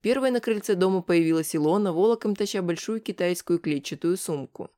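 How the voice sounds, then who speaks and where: Brief: audiobook narrator, scripted storytelling, middle pitch, even delivery. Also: a little fast.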